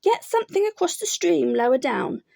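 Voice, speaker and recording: A woman's voice: sits high, very animated, normal speed, creaky, warm tone, no room sound, clean studio sound, voice pushed up, full character voice. A woman voicing a fussy male rabbit who muses earnestly and a little pompously. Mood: musing.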